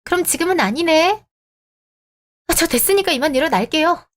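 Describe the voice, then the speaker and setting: A woman's voice: very high voice, lively intonation, normal speed, pitched above the performer's own voice. A woman voicing a suspicious, money-minded young woman on a blind date in a radio drama. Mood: dismissive.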